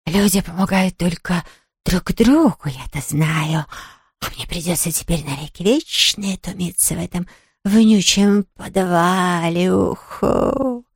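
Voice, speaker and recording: A woman voicing a self-pitying male ghost who moans and wails in a breathy voice. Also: on the low side, measured pace, dry recording, studio quality. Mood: whiny. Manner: moaning, wailing, breathy.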